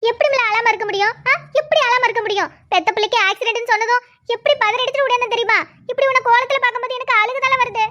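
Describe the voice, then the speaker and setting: A woman's voice: very high voice, very fast, pushed and bright, highs cut off. A woman voicing a worried, tearful village mother, in a cartoon. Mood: distraught, scolding. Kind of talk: cartoon voice acting.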